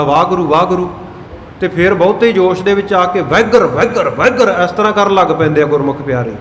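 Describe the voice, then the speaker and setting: Man, preacher, slow chanted lines, somewhat high voice, echoey hall, faint noise. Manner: chants scripture lines slowly, then explains. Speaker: Sikh preacher (giani). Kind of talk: gurbani pronunciation sermon.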